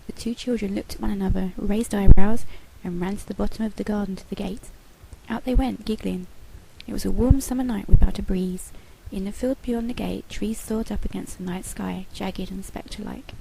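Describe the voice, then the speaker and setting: A woman narrating a children's storybook aloud in a gentle, measured way. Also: medium pitch, vocal fry, background noise. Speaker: author reading her own book.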